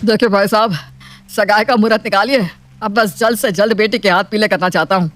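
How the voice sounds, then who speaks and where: A woman voicing a strict, proud, wealthy middle-aged father in an animated storybook, scolding and commanding. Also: medium pitch, fairly quick, lightly acted. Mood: stubborn.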